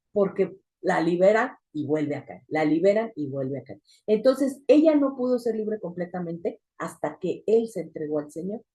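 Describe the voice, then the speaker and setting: Woman teaching church ladies, mellow low-toned voice, storytelling, gets loud and emphatic. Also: husky. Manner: storytelling with sudden emphatic rises. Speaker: church women's group teacher. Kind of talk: testimony teaching.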